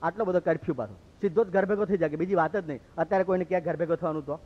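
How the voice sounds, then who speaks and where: A man from Gujarat, a monk telling stories in a lively sermon and acting out what others said. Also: a little high, rapid-fire. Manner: lively, acts out quoted speech. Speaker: monk preacher. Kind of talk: storytelling sermon. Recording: dull lo-fi recording.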